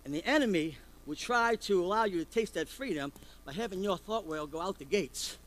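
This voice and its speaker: A man's voice: high-pitched, expressive, brisk, a bit bright, a little hiss or hum, poor audio. A man preaching a sermon as pastor, firing rhetorical questions at the congregation.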